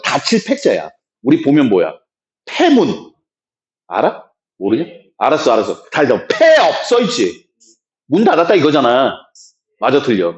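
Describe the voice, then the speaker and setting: A man's voice: medium pitch, a little mellow, muffled recording. A man teaching a math class in a lecture style, brusque and joking, often checking that students follow along. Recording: echoey room.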